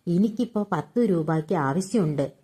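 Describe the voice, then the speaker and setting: A woman reading aloud and voicing a bossy, secretive elderly mother who talks in an urgent hush. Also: fairly low pitch, expressive, normal speed, breathy edge. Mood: hushed, insistent. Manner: hushed, urgent pleading.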